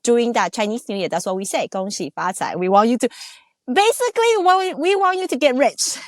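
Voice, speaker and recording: A woman's voice: a little high, animated, quick pace, no room sound, studio quality. A woman from Taiwan, co-hosting a casual podcast chat, chatty, asking questions and drifting into asides. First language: Mandarin. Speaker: podcast co-host.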